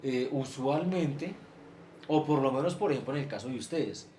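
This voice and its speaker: A man's voice: medium pitch, normal speed, darkish tone. A male teacher, explaining a spreadsheet lesson step by step and stacking example after example. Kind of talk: screen-share class lecture. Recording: echoey room, faint ambient noise.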